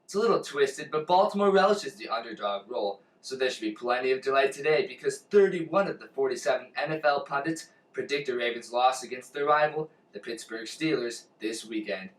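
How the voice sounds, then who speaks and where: A man playing a gloomy, punning poet who reads sports news in a deadpan way. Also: medium pitch, brisk, hardly any pauses, close to an everyday voice. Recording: echoey room, off-mic.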